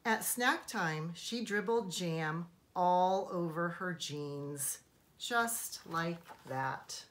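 A woman teacher reads a children's storybook aloud for young listeners, deliberate, expressive and emphatic. Her pitch is fairly low.

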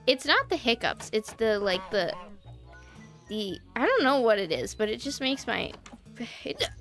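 A woman's voice: a little high, very animated, unhurried, fairly bright tone, faint music behind. A woman giving casual, chatty let's-play commentary while building in a game, laughing often and talking through hiccups. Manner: giggly, chatty, frequent laughter. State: hiccuping, voice strained. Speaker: gaming YouTuber.

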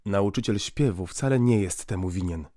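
A man voicing a stern, strong male priest and school prefect in an audiobook, calm and cold, gruff when he scolds. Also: fairly low pitch, normal speed, no echo, clean studio sound, pitched below the performer's own voice, lightly acted.

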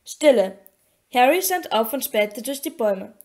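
A woman reading a fantasy novel aloud as an audiobook, with steady, expressive storytelling. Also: fairly high pitch, moderate pace. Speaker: audiobook reader. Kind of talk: audiobook narration.

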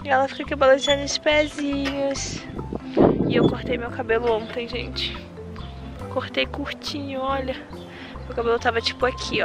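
High-pitched chatty young mom outdoors. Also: female voice. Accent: Brazilian Portuguese. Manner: chatty, coos at her baby. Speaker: vlogger mother. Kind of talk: casual outdoor vlog. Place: outdoors in a windy park.

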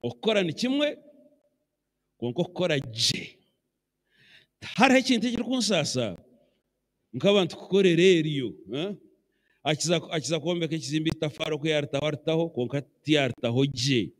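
A middle-aged Ugandan bishop preaches a sermon into a handheld mic in a large church, his voice on the high side, quick, and broken by long pauses. He's animated and mixes English phrases into his talk, and the church hall gives it a long reverb.

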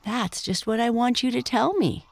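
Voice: medium pitch, moderate pace, vocal fry, no echo, pitched above the performer's own voice, close to an everyday voice. A reader voicing a timid little grub. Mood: earnest. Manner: polite, quiet, earnest. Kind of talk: storybook character voice.

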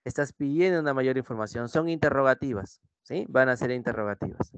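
A man's voice: mid-range voice, a little fast, no echo. A young male pre-university language teacher with a Peruvian Spanish accent, lecturing an online class and repeatedly checking in with students. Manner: repetitive, checks in with students using "¿sí?".

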